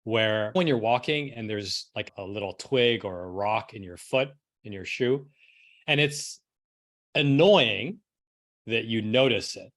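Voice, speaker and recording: Speaking unhurriedly and expressively, a middle-aged man from New York City shares his story on a podcast in a relaxed, conversational way. His fairly low voice is a bit bright, and he often says "like" and asks a rhetorical "right?"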